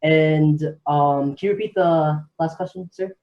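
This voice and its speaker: A man's voice: on the high side, fairly even intonation, unhurried, lo-fi sound. A young man cadet from Texas, answering formally with repeated "yes, sir" and a slightly nervous manner. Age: young adult.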